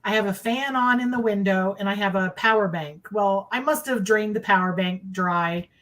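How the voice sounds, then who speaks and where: A woman's voice: mid-range voice, normal speed, fairly bright tone. A middle-aged woman on a video call, casually recounting her own experience with emphatic repetition. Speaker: guest recounting sightings. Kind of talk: casual personal storytelling. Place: indoors in a dim room, on a video call.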